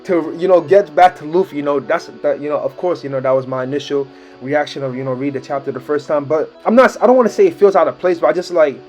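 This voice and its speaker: An excited man talks through a manga chapter in loose slang, filling his sentences with fillers. His voice sits a little high. Faint music plays under him. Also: fast talker, muffled recording. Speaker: anime reaction creator. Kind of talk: casual manga chapter breakdown.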